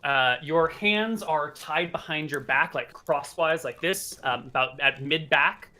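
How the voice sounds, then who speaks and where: A man's voice: a little high, unhurried, bright, forceful tone. A man narrating a tabletop game as game master, with casual, rambling narration full of fillers.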